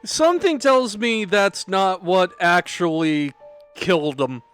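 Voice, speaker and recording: Animated, high-voiced male streamer. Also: slow pace, smooth, soft background music. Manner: animated, reactive, swears casually. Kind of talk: casual let's-play commentary.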